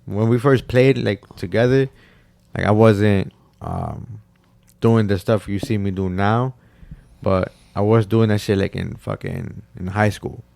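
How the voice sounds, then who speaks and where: A man's voice: on the low side, sing-song, unhurried, creaky, darkish tone, dry recording. A young man co-hosting a podcast, telling a story in slang, full of "like" and "bro". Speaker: podcast co-host. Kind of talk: casual chat.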